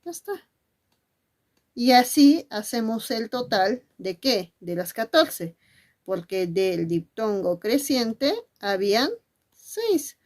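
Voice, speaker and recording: A woman's voice: a little high, animated, takes it slowly, darkish tone. A woman teacher giving a spelling lesson. She asks questions and then answers them herself, and she speaks fondly to her pupils.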